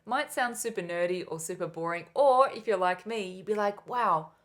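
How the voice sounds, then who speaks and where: A woman's voice: medium pitch, normal speed. A middle-aged Australian woman with a bubbly, enthusiastic manner, explaining music concepts in an online flute lesson. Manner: bubbly, enthusiastic, self-described nerd. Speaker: flute teacher.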